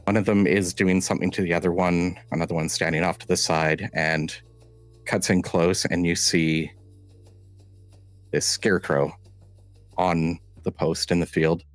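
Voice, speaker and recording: Deep-voiced man narrating a tabletop game. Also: steady tone, soft background music. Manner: halting, restarting descriptive narration. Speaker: game master.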